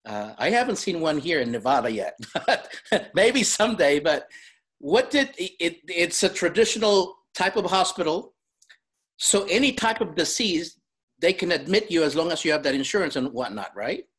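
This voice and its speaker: A woman in her fifties hosts a vlog interview, asking questions in a chatty, self-deprecating way and laughing often. Her voice is fairly low and sing-song with a breathy edge, and she speaks at a moderate pace.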